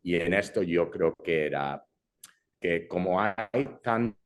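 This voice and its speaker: Low-pitched and slow, his voice has lively intonation. This young adult man, a filmmaker from Brazil brought up in Madrid, chats casually as an interview guest, frequently restarting sentences and dropping in English fillers.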